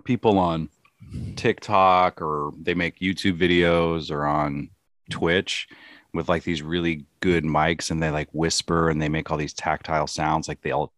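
A low-voiced man co-hosting a podcast, chatting casually. He rambles through his explanations with a steady stream of fillers. The sound is dry and close, with no room echo. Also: a little slow. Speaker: podcast co-host. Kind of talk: casual chat.

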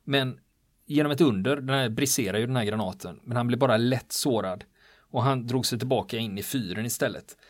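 A man's voice: mid-range voice, dry recording, clean studio sound. A man recounting a wartime history in a casual spoken style, telling it vividly and acting out the quoted lines of the people involved. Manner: animated, vivid retelling with quoted dialogue. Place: on the island where the events happened.

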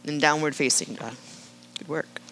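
Woman yoga instructor, low-pitched, steady class cueing, faint background hum. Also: normal speed. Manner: calm, cueing breath and movement, with rhetorical "right?". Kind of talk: guiding a live yoga class.

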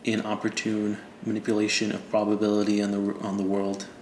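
A man's voice: on the low side, completely flat delivery, fairly quick, darkish tone. A man narrating as game master in a casual, joking way. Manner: casual, laughing, loose and joking. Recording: echoey room with faint ambient noise.

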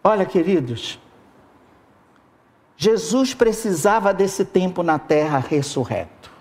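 A preacher delivering a sermon with an expressive manner, talking straight to the congregation. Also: medium pitch, slow. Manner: expressive, addresses the congregation directly.

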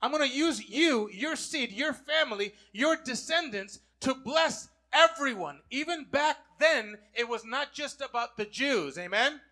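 A man's voice: very high-pitched, animated, unhurried, few pauses, sharp tone. A man preaching a sermon, calling on the congregation to repeat words back to him. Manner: call-and-response preaching, asking the congregation to repeat. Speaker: pastor.

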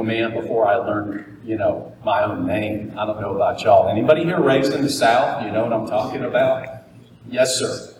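A man's voice: medium pitch, slight background noise. Folksy Floridian man at a keynote. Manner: folksy storytelling, joking with the audience. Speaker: keynote speaker. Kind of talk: motivational keynote speech. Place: conference hall. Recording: echoey hall, mic far off.

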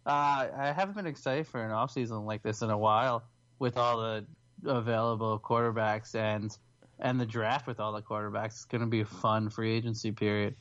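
A man's voice: fairly low pitch, steady tone, brisk, fairly bright tone, dry recording, dull audio. Casual man chatting about sports. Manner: joking, puts on silly voices. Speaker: podcast co-host.

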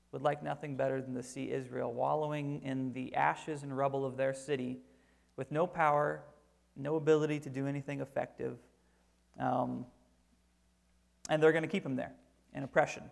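Gravelly male preacher teaching from scripture. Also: medium pitch. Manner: reads scripture aloud, then explains it with emphasis. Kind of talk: sermon.

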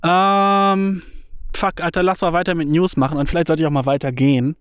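A man's voice: on the high side, flat delivery, brisk, a bit bright, smooth, no echo. A young man vlogging casually outdoors in a windy field, rambling in slang with lots of swearing and English words, recorded on a mobile setup. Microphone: mobile phone setup. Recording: dull, lo-fi phone audio.

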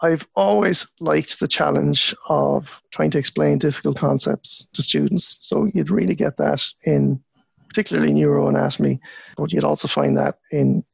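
Gravelly west of Ireland man, fairly high-pitched. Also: animated, normal speed, no echo, lo-fi sound. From Galway, west of Ireland. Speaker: university lecturer in anatomy, interview guest. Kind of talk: casual conversational interview.

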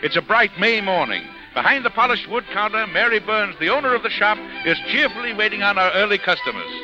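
Over music, a man with a high-pitched, animated voice narrates and hosts a scripted radio show from the 1930s at a brisk clip. Serving as guest host and narrator, he speaks formally and theatrically through a muffled period broadcast.

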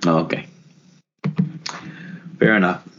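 A man co-hosting a casual hockey podcast, talking in an exasperated, halting way with many restarts. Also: fairly bright tone, faint music behind. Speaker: podcast co-host. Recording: dull lo-fi audio.

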